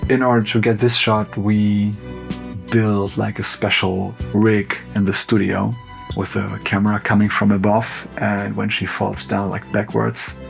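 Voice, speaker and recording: A cinematographer with a German accent talking through a film breakdown in a relaxed, loose way, full of "like" and "you know". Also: male voice, lowish voice, a little slow, gravelly, faint music behind. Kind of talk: casual behind-the-scenes commentary.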